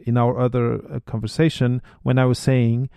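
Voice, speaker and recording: A man's voice: mid-range voice, little pitch movement, normal speed, creaky, dark tone, smooth, no room sound. A man hosting a podcast interview, talking in a casual, hesitant way and often repeating words as he thinks. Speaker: podcast host.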